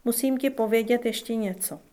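A woman's voice: on the high side, warm tone, natural voice. A woman reading a shaken older man.

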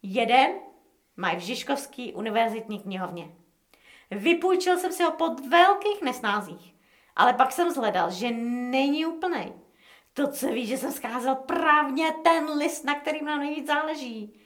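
A woman's voice: sits high, animated. Woman voicing a smug gang boss, lecturing, businesslike, echoey room. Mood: scheming. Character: pompous male gang boss, smug and sly.

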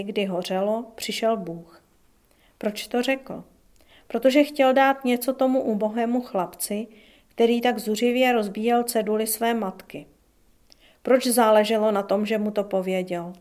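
A woman reading a novel aloud as an audiobook narrator. Her delivery is calm and measured, in a fairly high voice.

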